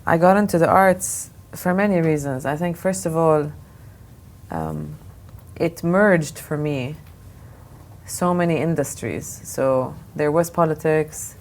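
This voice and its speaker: A woman originally from Lebanon answers interview questions as an art fair director, giving thoughtful replies full of restarts and fillers. Her voice sits low with a darkish tone, slow pace, and lively intonation, over faint background noise.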